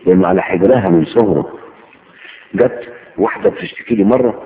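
A man's voice: sits low, a little fast. A man with an Egyptian Arabic accent giving a religious lecture, telling stories and acting out the people in them. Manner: lively storytelling, acting out quoted dialogue. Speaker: preacher. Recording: tinny phone-like line with faint noise.

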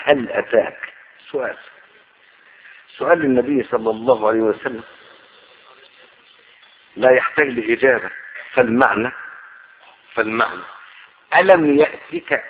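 A man's voice: medium pitch, normal speed, pauses often, a little hiss or hum. A man giving an emphatic Quranic sermon and commentary, rising to fervent oaths. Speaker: preacher. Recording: tinny lo-fi radio broadcast.

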